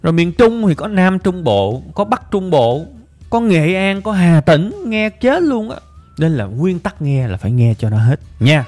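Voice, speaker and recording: A man's voice: on the high side, big pitch swings, a little slow, darkish tone. A man, teaching an English listening method in an emphatic, coaxing way, speaking straight to viewers. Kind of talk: lively motivational lesson.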